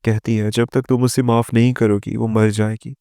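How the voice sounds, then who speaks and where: A man's voice: medium pitch, level tone, creaky, dark tone, no room sound, clean studio sound, lightly acted. A man reading as a weary young husband.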